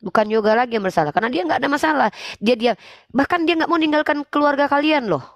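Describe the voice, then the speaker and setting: A woman hosting a religious debate livestream, scolding and preaching in a forceful way. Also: high voice, animated, fast talker, dry recording. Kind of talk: livestream talk.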